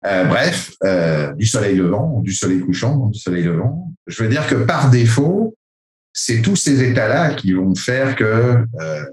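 A man's voice: fairly low pitch, big pitch swings, a little slow, darkish tone. Rambling French-born man in an echoey room. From France. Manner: rambling, many restarts and fillers. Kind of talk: casual discussion.

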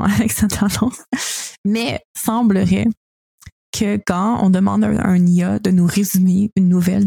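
A woman's voice: medium pitch, vocal fry, dark tone, husky, dry recording. A woman with a Quebec French accent hosting a casual news discussion, informally mixing English words into her French. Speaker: podcast host; teacher.

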